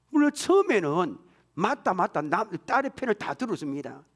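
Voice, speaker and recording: A pastor preaching a sermon in a church, swinging from hushed whispers to loud exclamations. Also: male voice, sits high.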